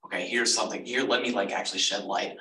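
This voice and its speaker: A man's voice: lowish voice, fairly even intonation, fast talker, sharp tone. A man advising students in a casual info session, rambling with lots of fillers and self-corrections. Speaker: economics advisor. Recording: echoey room, far from mic, faint noise.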